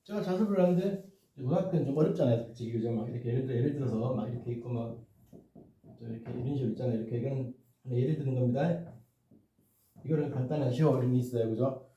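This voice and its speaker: A man tutors math in a casual, rambling lesson, often checking in with listeners, poking fun at himself and repeating "이렇게" and "그죠?". His mid-range voice is dark-toned and rapid-fire, captured through an echoey, dull, distant mic.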